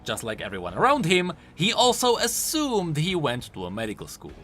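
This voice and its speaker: Over background music, a male video host delivers scripted commentary on game voice lines. His voice is fairly high and bright, and its pitch swings extremely lively from phrase to phrase at a normal speed.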